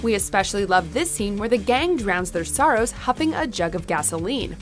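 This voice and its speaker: A woman's voice: mid-range voice, sing-song, moderate pace, faint music behind. A woman reading scripted narration for a countdown video as its narrator.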